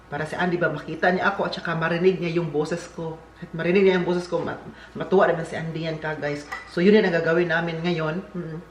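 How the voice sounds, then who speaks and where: A Filipino man with a higher-pitched voice chats casually and jokingly in vlog style, drifting into rambling asides. He talks quickly in a level tone, barely pausing. The room is echoey, with a faint hiss behind him.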